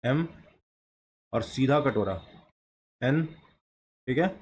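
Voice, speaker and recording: A man's voice: mid-range voice, a little mellow, slightly rough. A man teaching a shorthand lesson, drawing as he goes and asking questions that he then answers himself. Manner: slow, asks himself questions and answers them. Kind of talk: explaining a lesson while drawing.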